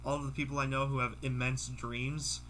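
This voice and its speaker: Bright-voiced young man, rambling casually. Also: mid-range voice, flat delivery, a little hiss or hum. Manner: halting, rambling, often repeats phrases. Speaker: podcast guest. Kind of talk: casual chat among friends.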